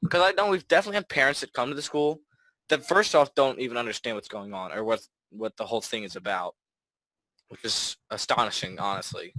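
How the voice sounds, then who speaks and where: A man's voice: on the low side, no echo, low-quality recording. Rambling teenage boy, dry close mic. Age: teens. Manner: rambling, filler-heavy, swearing, trailing off quietly. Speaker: podcast co-host. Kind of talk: casual chat.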